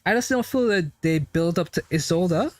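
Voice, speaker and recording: A man's voice: sits high, lively intonation, normal speed, dry recording. A man giving casual, crude and profane live commentary as he reacts to a game's story. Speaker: streamer reacting to a game story. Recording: dry mic, faint game music behind. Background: game music and dialogue.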